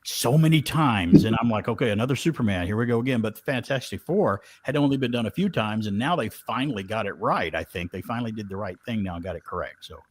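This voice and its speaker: A man's voice: on the low side, lively intonation, brisk, few pauses. Enthusiastic man chatting on a panel. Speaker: panel co-host. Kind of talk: casual panel chat.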